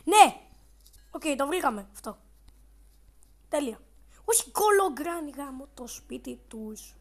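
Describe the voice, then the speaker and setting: A woman giving excitable let's-play commentary on a horror game, talking back to the game, swearing and dropping to mutters. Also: sits high. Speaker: gaming video creator.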